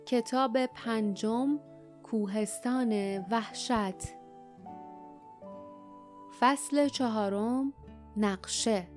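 A woman narrating an audiobook in a measured, scripted reading. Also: a little high, soft background music.

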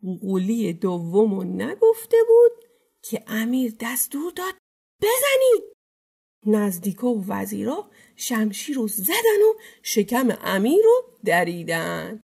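A woman narrating a folk tale in a lively, expressive way, sometimes dropping to a hush. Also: mid-range voice, vocal fry, husky. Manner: lively, expressive storytelling with hushed asides. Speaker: storyteller.

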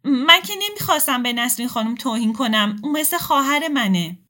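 A distraught young woman in a storybook reading cries out in a high, tearful voice, as a woman narrator puts her on. She pleads with wounded pride, her voice strained and lifted well above the narrator's own. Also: expressive, pushed and bright. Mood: placating.

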